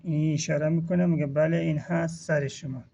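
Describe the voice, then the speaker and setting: A man with an Afghan Dari accent teaching English words, saying each model phrase slowly and repeating it before explaining it. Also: fairly high pitch, fairly even intonation, creaky, warm tone. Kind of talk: language lesson explaining vocabulary. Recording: dull lo-fi recording.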